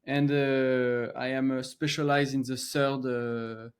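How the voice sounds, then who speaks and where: On a podcast, a middle-aged French co-founder and gallery guest answers hesitantly, his French-accented speech broken by frequent fillers and restarts. The voice is medium in pitch and clean in tone, with little pitch movement.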